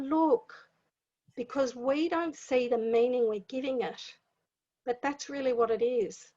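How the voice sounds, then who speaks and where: A woman's voice: fairly high pitch, a little mellow. A woman giving a spiritual teaching talk in a conversational way, repeating phrases for emphasis. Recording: dull lo-fi sound.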